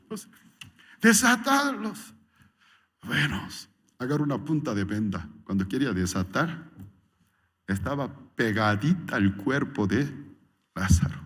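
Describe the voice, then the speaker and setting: A man preaching a sermon as pastor, acting out scenes with sudden loud, high-pitched voices. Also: measured pace, long reverb tail.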